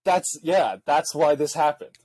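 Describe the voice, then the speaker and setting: A man's voice: on the high side, a little slow, a little mellow, husky, dry recording. A young man co-hosting a podcast, telling a rambling story full of fillers and asides in casual chat. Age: young adult. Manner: rambling, filler-heavy storytelling with frequent laughs. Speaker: podcast co-host.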